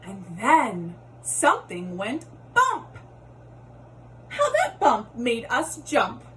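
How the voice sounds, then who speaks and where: Animated high-voiced woman reading a storybook. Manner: dramatic pauses, drawn-out emphasis. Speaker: storybook reader, teacher. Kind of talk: expressive children's read-aloud. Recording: noticeable background noise.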